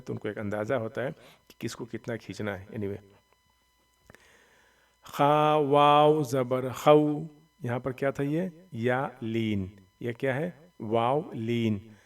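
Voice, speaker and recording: A man teaching Quran reading, spelling out letters slowly and loudly and then explaining quickly and softly, often checking "theek hai?". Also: mid-range voice, far from the mic. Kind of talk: slow step-by-step recitation lesson.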